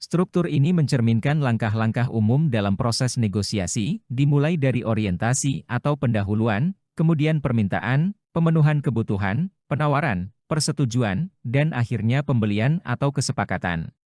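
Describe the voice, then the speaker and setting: Guy reading out test questions n answers, even n measured, no room echo. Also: medium pitch, studio quality. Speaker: teacher reading practice questions.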